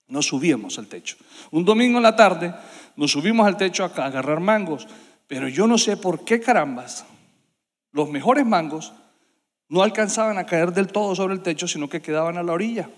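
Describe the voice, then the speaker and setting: A man preaching to a congregation, telling a childhood story in an animated way with sound effects, in a church hall. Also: sits high, moderate pace. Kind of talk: sermon storytelling. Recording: long hall reverb.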